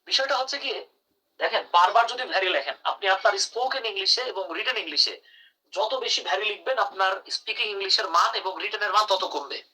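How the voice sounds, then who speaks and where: A man's voice: sits high, brisk, bright, forceful tone, slightly rough, far from the mic, rough recording. Man teaching a live online English class. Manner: calls students by name and praises answers.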